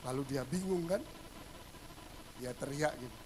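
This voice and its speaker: A male pastor giving a humorous sermon, telling stories and acting out the dialogue, swinging between loud bursts and hushed asides. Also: mid-range voice, unhurried, noisy background.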